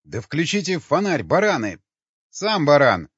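A man voicing a band of gruff male stalkers who trade rough, mocking shouts. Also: a little high, big pitch swings, a little slow, no room sound, highs cut off, voice pushed up, exaggerated voice.

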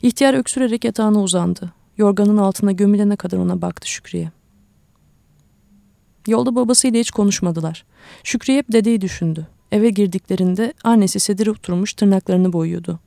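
A woman reading a literary short story aloud for radio, with a calm, measured delivery. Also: mid-range voice, gravelly, no echo, studio quality. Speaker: story reader.

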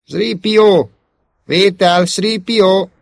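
A man's voice: medium pitch, big pitch swings, creaky, dry recording. A man voicing a young farm-boy hero who calls out urgently and nervously. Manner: urgent, calling out.

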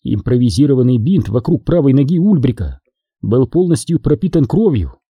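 A man narrates an audiobook with lively, expressive intonation. His voice is very dark and mellow with a husky edge, recorded close and dry. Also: medium pitch, moderate pace, dry recording. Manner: expressive storytelling. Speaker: audiobook reader. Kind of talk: scripted narration.

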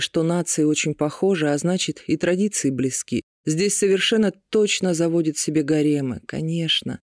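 A male audiobook narrator reads with even, measured storytelling. His voice is a little higher than most men's. The recording is dry and close, with no room sound. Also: no room sound. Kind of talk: scripted narration of a romance novel.

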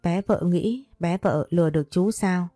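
A woman's voice: fairly low pitch, measured pace, mellow, no room sound, clean studio sound. A woman voicing a doting, possessive older man who speaks tenderly but bossily to his young lover in a storybook reading. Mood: scolding tenderly. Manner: tender, teasing, bossy.

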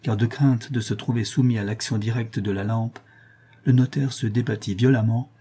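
Mellow, husky male audiobook narrator. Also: mid-range voice, steady tone, moderate pace. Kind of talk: narration of a classic novel.

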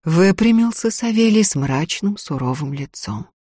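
A woman narrating an audiobook with expressive storytelling. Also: fairly low pitch, moderate pace, breathy edge, dry recording, clean studio sound.

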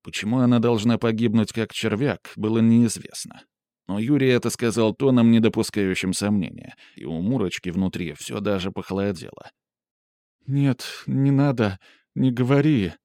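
Male audiobook narrator, low, measured, subdued; dry close recording. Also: a little mellow, dry recording. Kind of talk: audiobook narration of literary prose.

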